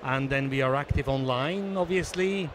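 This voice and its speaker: A man in his sixties from Switzerland, giving a measured, businesslike conference interview into a handheld mic, pausing often. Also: mid-range voice, background noise. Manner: measured, businesslike, many hesitations. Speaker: interviewee, association treasurer. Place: conference booth indoors.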